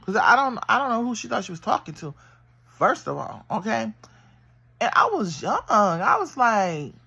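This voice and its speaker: A middle-aged woman telling her own story in a casual, animated and emphatic way, getting loud in the heated parts. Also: mid-range voice, moderate pace, vocal fry, breathy edge. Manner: animated, emphatic, swings into loud bursts when retelling. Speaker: vlogger.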